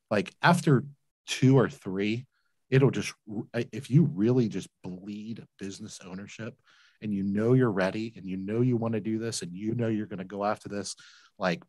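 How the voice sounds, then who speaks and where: A man's voice: fairly low pitch, dry recording. A man in his forties, a business owner telling his story as a guest on a video call interview, earnest and emphatic, repeating words when moved. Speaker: guest, laundromat entrepreneur. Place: home room, indoors. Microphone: large desk mic with headphones, video call.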